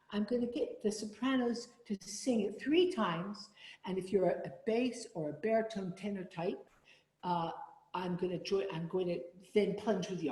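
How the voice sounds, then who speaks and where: A woman's voice: medium pitch, darkish tone. A woman leading an online choir rehearsal, giving instructions and singing example phrases between them. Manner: demonstrates sung phrases between spoken instructions. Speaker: choir leader. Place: home room. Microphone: video call. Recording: roomy video call with reverb.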